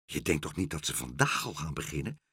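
A fussy, worried older gentleman, voiced by a man frets aloud in a somewhat raised, husky voice that swings up and down a lot. The sound is close and dry. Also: medium pitch, huge pitch swings, moderate pace, no room sound, exaggerated voice. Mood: anxious. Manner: worried, fretful.

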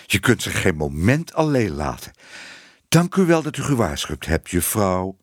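A man voicing a flustered, excitable baker's wife who talks breathlessly. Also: on the low side, moderate pace, no echo, studio quality.

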